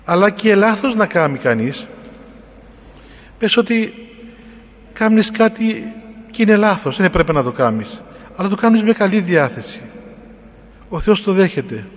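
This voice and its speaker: A man with a Cypriot Greek accent, a clergyman, telling an unhurried, reflective personal story in sermon style. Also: high voice, animated, big-room sound. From Cyprus.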